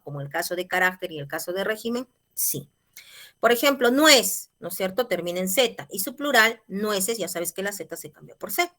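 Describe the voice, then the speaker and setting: A woman's voice: mid-range voice, a bit bright. Patient woman teaching grammar. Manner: patient explanatory, checks in with "¿ya?" and "¿listo?". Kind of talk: grammar lesson.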